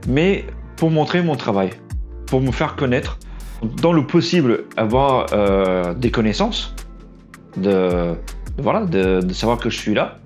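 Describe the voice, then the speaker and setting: In an improvised vlog, a young would-be trailer editor speaks French with a Portuguese accent, not being a native speaker. His voice sits at medium pitch with a darkish tone and is fading as he goes. He talks haltingly, keeps tripping and restarting, and is self-deprecating.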